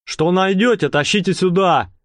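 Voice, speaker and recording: A man's voice: sits high, moderate pace, no echo, studio quality, voice pushed up, close to an everyday voice. A man doing a pompous hot-tempered gang leader. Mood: irritated. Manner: speechifying then snapping. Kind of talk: audiobook character voice.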